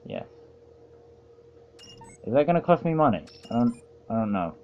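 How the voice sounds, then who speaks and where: A man's voice: medium pitch, big pitch swings, normal speed, darkish tone, highs cut off, slight background noise. A man casually commenting on a racing game he is playing, rambling and poking fun at himself in a dry way. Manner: rambling, self-mocking and dry. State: feeling overheated. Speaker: let's play host.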